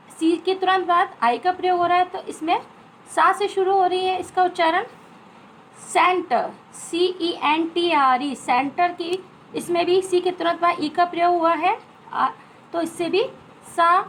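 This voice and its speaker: A woman's voice: very high voice, fairly bright tone, slight background noise, low-quality recording. An Indian woman teacher giving a phonics lesson to children, spelling out letters and repeating each sound.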